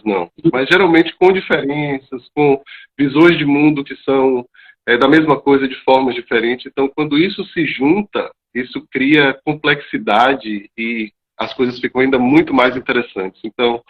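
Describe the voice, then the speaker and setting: Reflective man on a muffled call. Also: mid-range voice. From Salvador, Bahia, Brazil. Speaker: guest, teacher. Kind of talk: live video-call interview. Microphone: video call. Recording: dull lo-fi video call.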